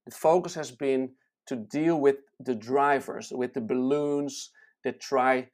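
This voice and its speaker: A self-help teacher speaking in a slow, deliberate way, reading lists with pauses and explaining ideas with small restarts and fillers. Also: medium pitch, fairly even intonation, darkish tone. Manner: measured, reads lists slowly with pauses.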